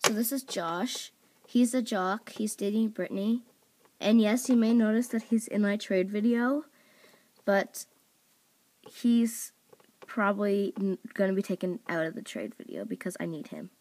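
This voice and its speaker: This woman's medium-pitched voice has lively intonation, a measured pace and a slightly mellow quality. Hosting her channel from home, she stays off-camera while casually walking through toy characters on a table for voice auditions, rambling with plenty of "like" and "um" and self-corrections, recorded on a phone or camera mic.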